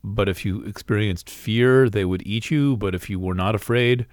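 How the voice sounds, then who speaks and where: A man with a deep, low-pitched voice talks through an astrology reading in an unscripted, meandering way. He fills pauses with "uh" and "um," restarts his sentences, and hiccups now and then. The sound is close and dry, with no room echo. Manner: rambling, with many fillers and restarts. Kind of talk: casual spoken astrology reading.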